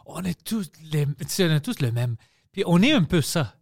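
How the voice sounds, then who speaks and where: A man with a strong Greek accent hosting a podcast, talking animatedly in halting phrases and swearing freely. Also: fairly high pitch, big pitch swings, no room sound, clean studio sound. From Greece. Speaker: podcast host. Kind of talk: casual podcast chat.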